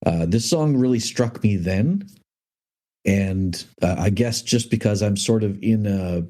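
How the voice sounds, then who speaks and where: A man in his forties on a casual music podcast, his voice shaking as he fights back tears, talking haltingly with many ums and restarts. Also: on the low side, mellow. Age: 40s. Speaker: podcast co-host.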